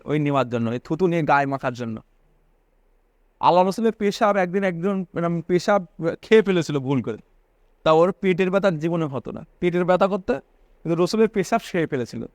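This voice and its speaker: A man's voice: a little high, no room sound. A man giving a religious sermon, repeating phrases for emphasis and asking his listeners questions. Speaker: preacher.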